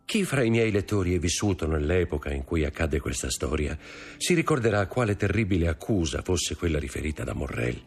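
A man narrating an audiobook in an expressive storytelling manner. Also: sits low, breathy edge. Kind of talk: audiobook reading.

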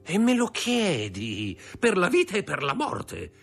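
A greedy, fawning old schemer, put on by a male audiobook reader, his voice pitched high and swinging wildly as he stammers and wheedles. The voice is a little husky, with soft music faintly behind it. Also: wildly swooping pitch, measured pace, heavily acted. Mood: wheedling. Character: crafty, greedy older man, whining and fawning.

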